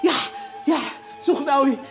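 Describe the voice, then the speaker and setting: An actor with an Egyptian accent playing a childish grown son, whiny and mocking, in an exaggerated, wailing comedy style. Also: male voice, extremely high pitch, moderate pace, gravelly, fairly bright tone, soft background music, full character voice. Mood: whiny pleading. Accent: Egyptian Arabic. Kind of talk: Egyptian film comedy acting.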